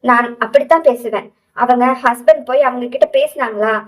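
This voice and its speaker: A hurt young heroine from a romance audiobook who keeps pressing plaintive questions, as the woman narrator plays her. Her voice is high, and the recording sits a bit distant from the mic. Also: a little fast, lightly acted.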